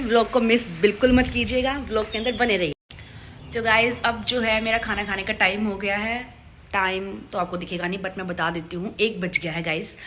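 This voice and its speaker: A young woman vlogging casually at home, chatty and quick, forever calling her viewers "guys". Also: lowish voice, sharp tone, slight background noise. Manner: fast-talking. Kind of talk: casual vlog chat to camera. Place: at home and outside in the street.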